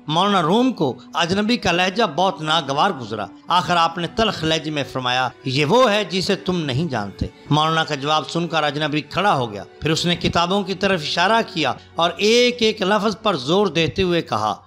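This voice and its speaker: A man narrating a story in a formal, scripted, even storytelling delivery. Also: on the high side, few pauses, faint music behind.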